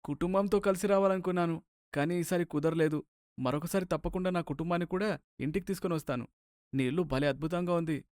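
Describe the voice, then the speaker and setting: A man's voice: on the high side, fast talker, darkish tone, no echo, clean studio sound, natural voice. A man voicing a talkative older family friend in a cartoon story. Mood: friendly.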